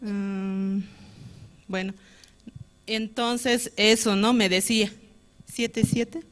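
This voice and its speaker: A woman from Bolivia giving a conversational testimony at a Sunday church service, with many little tag questions, pausing to search for Bible verses aloud. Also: mid-range voice, steady tone.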